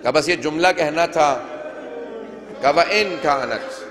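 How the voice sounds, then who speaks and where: Man, preacher, high register, declamatory sermon style, recorded in a roomy reverberant hall. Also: background noise. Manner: declamatory, retells narrations with quoted dialogue. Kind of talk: majlis sermon recitation. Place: large hall with long reverb.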